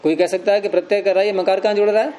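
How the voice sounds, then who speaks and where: A man's voice: sits high, fairly even intonation, very fast, dark tone, a little hiss or hum. A man teaching a grammar lesson, explaining each step patiently and asking questions that he answers himself.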